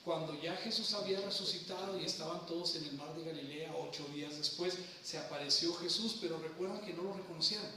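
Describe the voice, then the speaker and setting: A man's voice: fairly high pitch, quick pace, hardly any pauses, bright, forceful tone, a little hiss or hum. A man preaching a sermon, teaching scripture and asking his congregation questions as he goes. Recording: echoey room, from far off.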